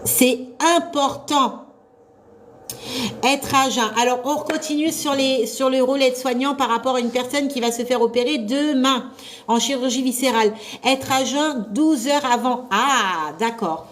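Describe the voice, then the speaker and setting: A woman leads a live revision class for nursing assistant students in a loud, carrying voice. She talks slowly and sits a little high in pitch, chatty and encouraging as she quizzes her class. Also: slight background noise.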